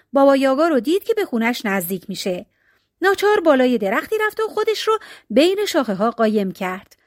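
A woman narrating a folk tale with a high, very lively voice. Her reading is expressive and dramatic. The sound is dry and close to the mic. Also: dry recording. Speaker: storyteller. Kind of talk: storybook narration.

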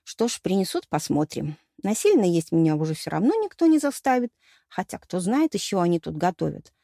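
A woman's voice: on the low side, big pitch swings, fairly quick, gravelly, mellow, no echo, clean studio sound. A woman narrating a fantasy novel in the first person, with a wry, storytelling delivery. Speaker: audiobook narrator.

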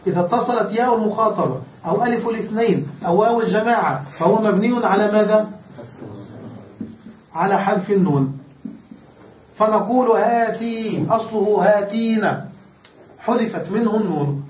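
A man with a high-pitched voice teaches a grammar lesson, slowly stretching out key words and regularly asking his class whether they have followed. He sounds far from the microphone in an echoey room. The recording is dull and lo-fi, with a faint hiss underneath. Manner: explains step by step, often checks understanding with the class. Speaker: sheikh teaching Arabic grammar.

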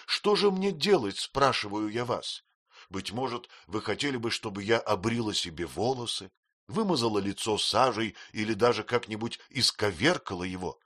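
A man voicing an emotional, tearful young widowed mother, in a high, plaintive, pleading voice. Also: expressive, moderate pace, a bit bright.

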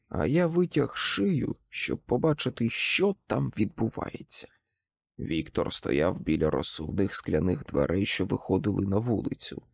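Gravelly, expressive male audiobook narrator. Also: lowish voice, no room sound, studio quality. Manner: expressive, dramatic reading. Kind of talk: first-person audiobook narration.

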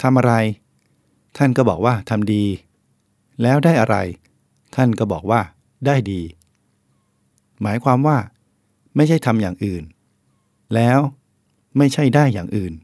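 A man's voice: mid-range voice, a little mellow, dry recording, studio quality. A man, a Buddhist monk, reading a book of essays aloud in a plain, explanatory way and speaking directly to the listeners.

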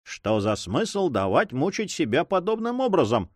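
A man narrating puts on a coarse pirate henchman. He sneers at his victim in an offhand, jeering tone with lots of pitch movement. The sound is close and dry. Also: sing-song, normal speed, dry recording. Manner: mocking and offhand.

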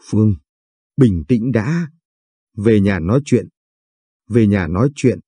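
A man playing a gruff, short-tempered husband who gives curt orders. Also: on the low side, animated, takes it slowly, mellow, no room sound, studio quality, full character voice. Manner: curt, bossy.

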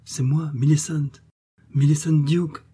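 A man's voice: fairly high pitch, little pitch movement, slow pace, warm tone, breathy edge, pitched above the performer's own voice, heavily acted. A man voicing a passionate young woman who begs and implores in a storybook reading. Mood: gentle. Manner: imploring, pleading.

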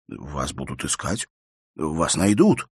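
A man's voice: rumbling low, very animated, slow, husky, no echo, studio quality, full character voice. A man reading an audiobook, voicing an earnest young man who reassures and insists anxiously. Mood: anxious reassuring. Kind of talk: audiobook character voice.

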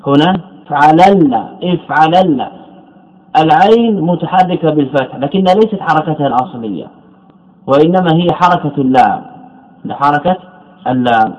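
A man teaching a classical grammar text in a lecture, stretching out example words slowly and restating terms as he goes. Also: fairly high pitch, darkish tone. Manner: drawn-out syllables on example words, repeating terms and correcting himself. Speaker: Islamic scholar teaching Arabic morphology. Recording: dull lo-fi lecture recording.

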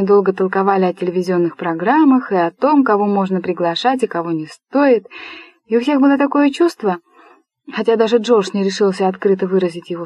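A woman reading a story aloud in a measured, expressive narration voice. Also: medium pitch, dry recording. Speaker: audiobook narrator.

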